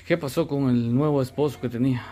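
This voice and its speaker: A man's voice: medium pitch, quick pace, warm tone. A man interviewing a woman, asking courteous questions in formal address. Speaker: interviewer, host.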